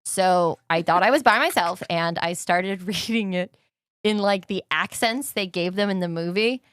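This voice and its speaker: A young adult woman co-hosting a podcast, telling an animated story with frequent laughter. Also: on the low side, normal speed, smooth, no room sound. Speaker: podcast co-host. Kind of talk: casual chat.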